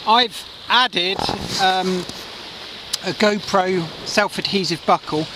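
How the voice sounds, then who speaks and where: Slowly and in a high voice, a middle-aged man demonstrates fishing kayak gear outdoors on a pebble seashore, walking through it step by step and filling gaps with lots of fillers. The mic sits far off, and wind and surf are loud.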